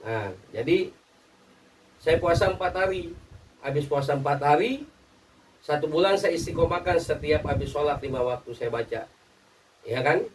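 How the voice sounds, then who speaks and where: A man gives casual religious teaching, his voice sitting a little high for a man. He talks plainly, dropping small fillers and asking if everyone follows. The mic is set some way off, with a faint hiss of noise behind him. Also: expressive, moderate pace, pauses often, distant mic, poor audio. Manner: conversational, with frequent "ya" and "nah" fillers; checks that listeners follow. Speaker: Islamic spiritual teacher.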